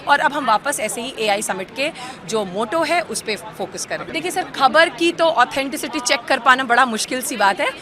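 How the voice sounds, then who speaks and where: A woman representing a university, giving a measured, explanatory statement to the press at an event. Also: high voice, lively intonation. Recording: noisy crowd around.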